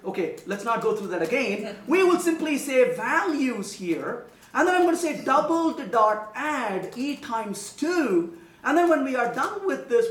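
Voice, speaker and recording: A man's voice: extremely high pitch, fairly bright tone. A man giving a live technical talk, joking with the audience and acting out little voices while he codes. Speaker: conference speaker. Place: lecture room with audience. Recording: echoey room from a distance.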